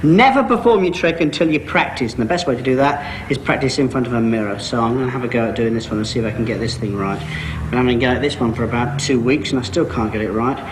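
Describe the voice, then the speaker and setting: A man's voice: mid-range voice, fast. A man presenting a children's magic show in a theatrical showman's way, repeating words for emphasis. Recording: loud music and crowd noise.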